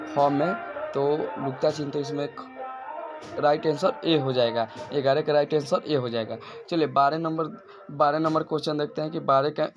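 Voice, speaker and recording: A male teacher working through exam questions one by one, repeating and restarting phrases as he explains each answer. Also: a little high. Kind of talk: exam-prep lesson.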